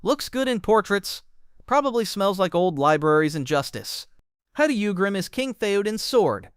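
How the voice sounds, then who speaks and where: A man reading a scripted lore explainer, with a wry, joking manner and quick comic asides. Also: high-pitched, very animated, clean tone, no echo, studio quality. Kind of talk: scripted narration.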